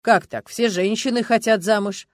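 A woman's voice: mid-range voice, steady tone, normal speed, no room sound, studio quality, close to an everyday voice. A woman voicing a drunk, pushy male police captain who keeps prying, in an audiobook reading. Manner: prying, slurring, swaggering.

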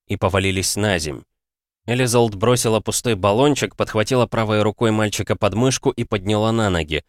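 Man reading a novel aloud, lowish voice, dry close mic. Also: no room sound. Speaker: narrator. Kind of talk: scripted audiobook narration.

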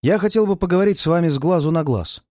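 Man voicing a calm detective, firm, measured, dry close sound. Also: on the high side, no room sound, pitched above the performer's own voice, lightly acted. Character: calm, resolute male detective.

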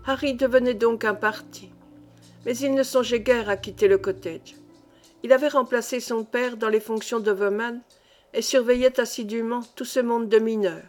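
A woman narrates a classic adventure novel as an audiobook. Her voice sits fairly high, and she reads in measured, clearly shaped phrases. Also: fairly even intonation, faint music behind. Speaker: audiobook reader.

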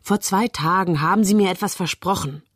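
A woman's voice: a little fast, slightly rough, no room sound. Woman reading as a furious, hissing female judge. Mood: sharp. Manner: stern, hissing, raised pitch. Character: angry stern female judge. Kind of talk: literary reading.

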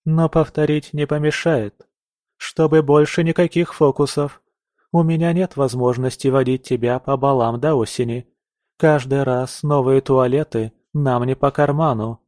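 A man's voice: medium pitch, steady tone, moderate pace, darkish tone, no echo, clean studio sound, close to an everyday voice. A man reading an audiobook voices a strict aristocratic mother, a countess who lectures her daughter sternly and complains. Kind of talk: audiobook character voice.

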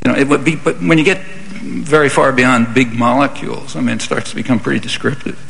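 A man answering audience questions at a lecture in a measured, conversational way. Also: mid-range voice, steady tone, creaky, a bit bright, a little hiss or hum, poor audio. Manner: measured, conversational, frequent "I mean" and "you know". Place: university lecture hall.

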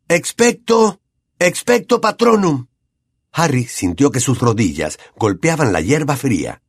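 A man with a Latin American accent narrating an audiobook with expressive, dramatic storytelling. His voice is somewhat husky and his pitch moves a lot, recorded dry and close. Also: no room sound. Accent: Latin American Spanish.

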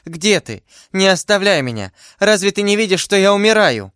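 A man's voice: a little high, animated, moderate pace, fairly bright tone, no echo, pitched above the performer's own voice. The voice is a man doing a desperate young woman, lifted well above his own register and breathless as she pleads. Its sound is dry and close, with no room around it. This is storybook reading with plainly acted voices. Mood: pleading. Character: young woman, frightened and fading.

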